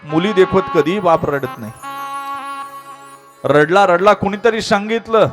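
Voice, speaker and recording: A man giving a devotional story sermon as a kirtan preacher, emotional, swinging between hushed and loud. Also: high-pitched, expressive, a little slow, faint music behind.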